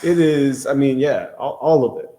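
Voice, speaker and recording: A man chatting casually as a guest, recounting an experience in an animated way and repeating phrases for emphasis. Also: medium pitch, normal speed. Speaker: podcast guest.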